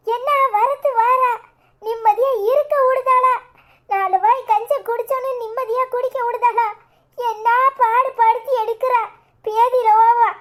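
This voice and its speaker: A woman voicing a bitter, grieving old mother-in-law in a cartoon, scolding in a Tirunelveli Tamil accent. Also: fairly bright tone. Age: older. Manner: shrill, scolding, wailing complaints. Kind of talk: cartoon voice acting.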